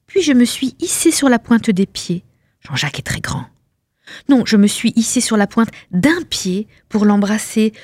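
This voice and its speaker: Playful woman reading with lively pitch. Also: no echo. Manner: playful, ironic, self-correcting. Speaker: author reading her story. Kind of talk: performed story reading.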